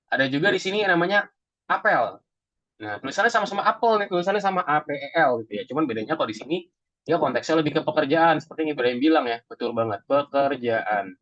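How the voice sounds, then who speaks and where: Fast-talking man teaching a class. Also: medium pitch, fairly bright tone, dry recording, highs cut off. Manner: chatty, asks the class questions, says "teman-teman" often. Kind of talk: classroom lesson.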